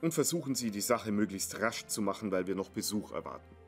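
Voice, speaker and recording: Man reading as a busy dad rattling off instructions, low-ish voice. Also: animated, faint music behind. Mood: brisk. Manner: brisk, instructing. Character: hurried middle-aged businessman father.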